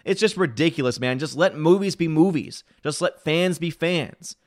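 A man's voice: on the high side, no room sound, clean studio sound. A man hosting a live stream, chatting casually and answering viewers' chat comments. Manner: talks fast, reads and answers chat comments.

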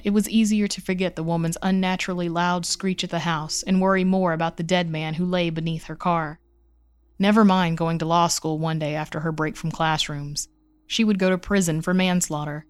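Woman reading a horror story, smooth clear voice, kinda low, dry close recording, slow suspense build. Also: no echo. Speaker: narrator. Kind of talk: scripted horror story narration.

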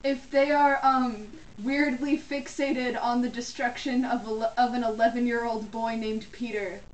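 A woman co-hosting a casual comedic chat, talking in an excitable, emphatic way with quick asides. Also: fairly high pitch. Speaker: podcast co-host. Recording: roomy, distant mic, faint noise.

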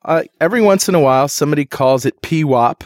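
A man's voice: fairly high pitch, expressive, fast talker, no echo. A man co-hosting a tech podcast from a recording studio, telling stories in a joking, loose way with many fillers. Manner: jokey storyteller, many fillers and restarts. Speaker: podcast co-host. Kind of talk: casual chat.

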